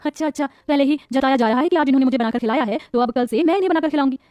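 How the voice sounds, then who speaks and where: A woman's voice: high voice, very fast, dark tone, dull audio, faint music behind, close to an everyday voice. A woman voicing a stubborn, spoiled young bride in a cartoon story who talks in a petulant way. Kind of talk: Hindi cartoon voice acting.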